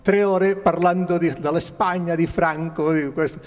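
A man in his seventies from Spain, a native Spanish speaker with a Spanish accent, haltingly searching for words as he shares recollections with an audience through a handheld microphone. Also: a little high, steady tone. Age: 70s. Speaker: guest speaker. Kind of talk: informal recollection addressed to an audience. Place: large glass-walled hall, indoors. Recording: echoey hall over a PA.

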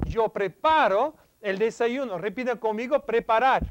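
A man teaching a vocabulary lesson who acts out each action, then has the class repeat the verb after him, with a few small stumbles. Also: high-pitched. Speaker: language teacher. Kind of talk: vocabulary lesson acting out verbs.

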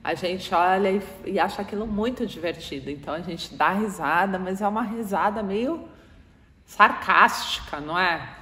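A woman's voice: medium pitch, a bit bright. A woman with a Brazilian Portuguese accent giving an informal spiritual talk, chatting with a live audience and keeping on asking them for replies. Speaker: speaker addressing an audience. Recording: echoey hall with faint noise.

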